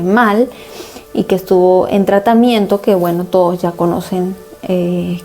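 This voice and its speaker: A woman's voice: medium pitch, warm tone. A woman pastor preaching a sermon and earnestly recounting a personal family story as testimony.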